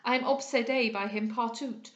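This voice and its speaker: This audiobook character, a conceited, foppish male captain, is performed by a woman whose slightly high voice stays close to everyday speech. She speaks at a normal pace with fairly even intonation, pompous and smug, dropping in French words, while the reverberant recording has its highs cut off.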